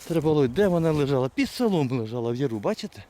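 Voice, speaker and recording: A man filming his hunt with hounds in fields and woods, giving a hushed, muttered running commentary to viewers on a handheld camera and calling to his dogs. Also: fairly high pitch, sing-song, racing. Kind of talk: live outdoor hunting commentary to viewers.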